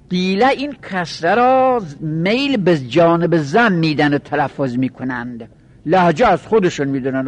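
A teacher from Lorestan talks through grammar in his Luri Persian accent, his voice sitting noticeably high for a man. He lectures steadily, going over each example more than once and pausing to make sure the class is keeping up. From Lorestan, Iran. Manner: explains patiently, repeats each example, often checks the class follows.

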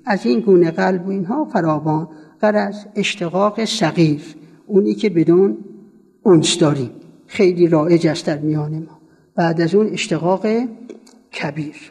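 In a classroom lecture on Arabic grammar, a man teaching a seminary class quizzes students and repeats word forms for them to echo. His voice is high-pitched and darkish with a breathy edge, and the hall adds long reverb.

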